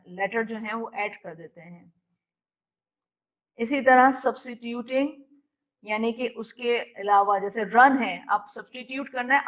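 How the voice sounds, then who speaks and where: A woman's voice: a little high, fairly bright tone, rough recording. A woman with a Pakistani Urdu accent leading an online teacher training session, explaining patiently, mixing in English words and sounding words out phoneme by phoneme.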